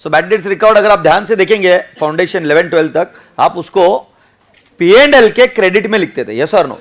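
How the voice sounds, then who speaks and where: An Indian man teaching an accounting class, switching between English and Hindi, with a lively sing-song intonation and drawn-out words for emphasis. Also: high-pitched. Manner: mixes English into Hindi, calls students "beta". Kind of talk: classroom lecture.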